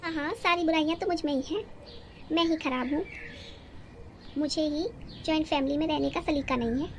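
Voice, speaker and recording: A woman's voice: high voice, fairly quick, slight background noise. A woman voicing a quarrelsome, resentful young wife in a cartoon story, scolding and sarcastic. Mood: complaining.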